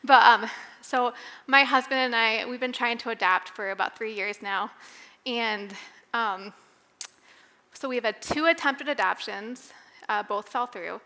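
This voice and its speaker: A young adult woman giving a candid personal testimony at a women's Bible study, talking conversationally with fillers and pauses. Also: fairly high pitch, sharp tone, long reverb tail. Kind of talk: personal testimony devotional talk.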